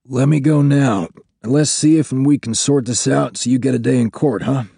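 A man voicing a captive male cop in an audiobook, a defiant, menacing prison inmate with a gravelly, husky voice. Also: mid-range voice, normal speed, dark tone, no echo, clean studio sound, pitched above the performer's own voice. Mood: blustering, threatening. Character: captive small-town cop prisoner, possessed, defiant, preaching. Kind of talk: dramatised audiobook dialogue.

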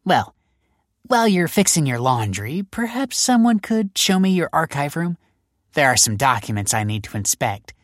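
A man's voice: fairly high pitch, very animated, normal speed, no room sound, clean studio sound, pitched above the performer's own voice. A male audiobook narrator voicing a breezy, mocking female police detective who needles people with sarcastic politeness. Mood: teasing. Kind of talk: audiobook character voice.

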